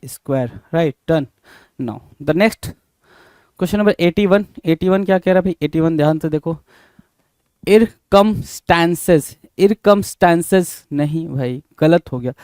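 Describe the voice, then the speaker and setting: Indian male teacher, slightly high voice, clear, dry close sound, spells words out letter by letter. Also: darkish tone, no room sound. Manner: often adds "bhai" to address viewers. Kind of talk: spelling lesson, checking answers.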